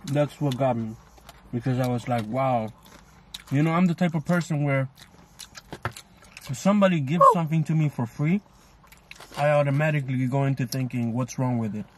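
A man's voice: medium pitch, normal speed, pauses often, slight background noise. Thoughtful man chatting on a food vlog. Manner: thoughtful, rambling, many fillers. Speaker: co-host. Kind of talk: casual chat while eating.

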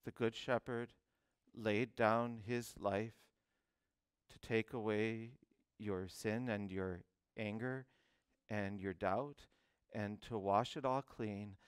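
A male pastor preaching a sermon, animated, often restarting words and phrases before driving a point home. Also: on the low side, slow pace, pauses often, clean tone, dry recording. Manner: animated preaching with frequent repeated starts.

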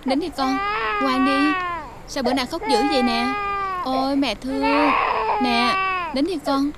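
An actress playing a young mother and wife who talks softly and tenderly. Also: high voice, normal speed, very noisy, lightly acted. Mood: soothing. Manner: soft, tender, cooing. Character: anxious young mother soothing her baby. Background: film score music.

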